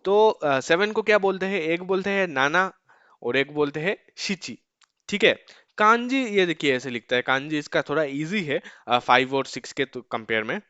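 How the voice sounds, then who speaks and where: Male tutor with a clear, even voice, mid pitch, dry and slightly dull sound; talks casually and drills words slowly. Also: no echo. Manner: repeats "ठीक है" often, slows to drill numbers. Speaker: language teacher. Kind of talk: casual spoken lesson.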